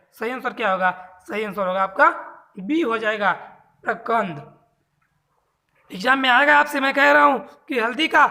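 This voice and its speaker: A man's voice: extremely high pitch, pushed and bright. A man teaching exam prep, reading out multiple-choice questions and repeating each answer while coaxing his listeners.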